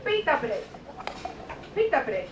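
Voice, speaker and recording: High-voiced Greek woman giving a cooking demo. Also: sing-song, unhurried. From Greece. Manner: playful, emphatic, repeats words, asks the audience questions. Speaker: cooking demonstrator on a cruise ship. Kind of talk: live cooking demonstration to an audience. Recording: echoey room, distant mic, noisy rumble.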